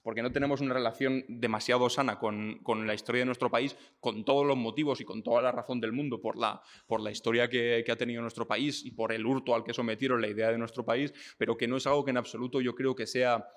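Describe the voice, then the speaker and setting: A young man from Spain talking casually and thinking aloud, with fillers and restarts, slowing down to stress his points. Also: medium pitch, fairly even intonation, in a large hall. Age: young adult. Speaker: speaker on politics and identity. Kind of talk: casual talk.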